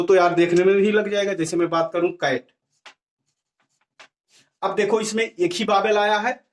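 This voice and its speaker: High-voiced man teaching a grammar class. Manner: asks questions and answers them himself, repeating key words.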